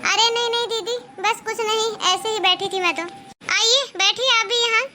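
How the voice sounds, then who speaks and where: A woman's voice: extremely high pitch, steady tone, normal speed, background noise. A woman voicing a meek young daughter-in-law in a cartoon, speaking politely and pleadingly. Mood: gentle. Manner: polite, pleading, soft-spoken. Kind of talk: cartoon moral-story dialogue.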